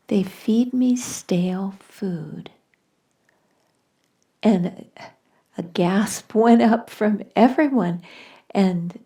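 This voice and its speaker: A woman giving a gentle, measured spiritual talk, telling a story, often dropping to a soft near-whisper. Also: mid-range voice. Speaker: spiritual teacher.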